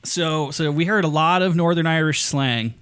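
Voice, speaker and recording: A man's voice: fairly high pitch, moderate pace, a bit bright, clear, resonant tone. A man co-hosting a podcast, joking crudely and laughing often in casual chat. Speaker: podcast co-host.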